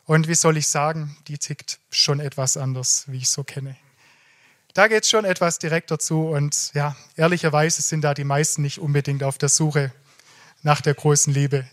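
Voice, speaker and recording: Man slowly recounting a personal story. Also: fairly high pitch, fairly even intonation, fairly bright tone. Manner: slow, halting, stammering. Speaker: show participant.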